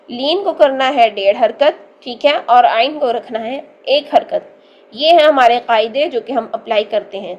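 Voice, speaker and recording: A woman's voice: fairly high pitch, a little mellow, dull audio. A woman teaching Quran reading in a recorded online lesson, with a Pakistani Urdu accent, patiently drilling syllables and checking in with "theek hai" along the way.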